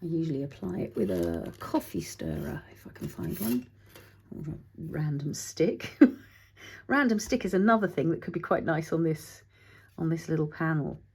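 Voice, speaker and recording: A woman's voice: low voice, very animated, normal speed, slightly rough. A middle-aged woman hosting a casual craft tutorial, chatting as she works, thinking aloud and talking to her materials, sometimes dropping to a whisper.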